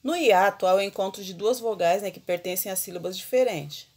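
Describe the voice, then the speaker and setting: A woman teacher giving an online grammar lesson, explaining slowly and putting questions to the class. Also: mid-range voice, a little mellow, husky.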